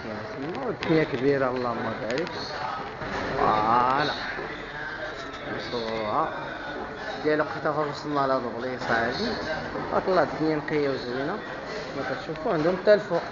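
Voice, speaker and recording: A man's voice: mid-range voice, fast, long pauses, highs cut off, heavy background noise. A middle-aged man with a Moroccan Arabic accent, chatting casually on a travel vlog, upbeat and full of thanks and blessings, filming on a phone held close outdoors. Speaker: motorcycle vlogger. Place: outdoors at roadside shops and stops. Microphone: phone held close for a selfie.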